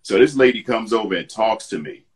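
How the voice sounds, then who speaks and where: A man telling a story in casual chat on a live video call, animated and acting out the voices of the people he quotes. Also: fairly low pitch, fairly quick. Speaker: guest.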